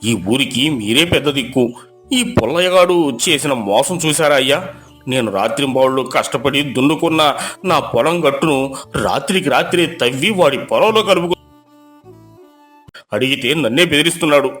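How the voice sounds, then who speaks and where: A man voicing an angry farmer accusing his neighbour in a storybook tale, in a loud, raised voice. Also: medium pitch, expressive, brisk, faint music behind, natural voice. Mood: indignant. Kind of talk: storybook voice acting.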